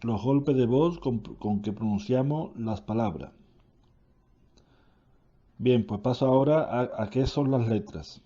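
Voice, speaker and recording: A man reading a grammar lesson aloud, slowly and deliberately, correcting himself now and then. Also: mid-range voice, lively intonation, mellow, muffled recording.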